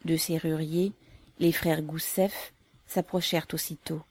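A woman narrating a classic novel as an audiobook, measured and even. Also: deep voice, dry recording. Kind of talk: scripted narration.

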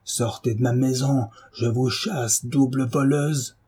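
A man's voice: medium pitch, moderate pace, dark tone, husky, natural voice. A man reading a novel aloud and voicing a drunken, hulking husband who bullies and threatens his wife. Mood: enraged. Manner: bullying, blustering threats. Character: brutish drunken giant of a husband, furious.

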